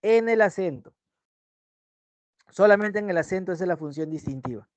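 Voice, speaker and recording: A teacher runs an online language lesson over a video call, explaining things step by step and regularly checking in with short tag questions. The voice is mid-range and expressive, with a moderate pace. There's no room sound.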